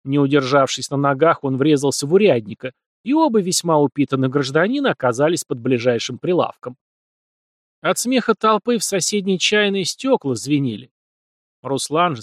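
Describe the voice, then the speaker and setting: A man narrating an audiobook with a lively, expressive reading. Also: medium pitch, fairly quick, dry recording, clean studio sound.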